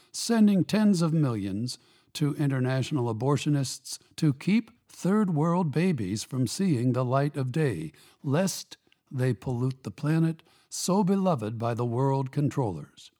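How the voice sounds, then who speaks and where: A man hosting a radio commentary program, reading a scripted opinion piece in a measured, emphatic, pointed way. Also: medium pitch, warm tone.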